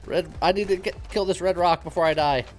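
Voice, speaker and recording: A man's voice: sits high, fairly quick, soft background music. A man streaming a video game with a co-host, answering with dry, wry quips. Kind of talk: casual gameplay chat.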